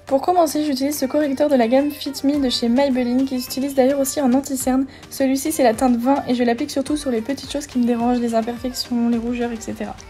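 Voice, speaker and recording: Young woman beauty vlogger, chatty and upbeat, mellow voice, voice-over with faint music. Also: sits high, fairly even intonation, quick pace, hardly any pauses. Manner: chatty, enthusiastic product commentary. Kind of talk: get-ready-with-me voice-over.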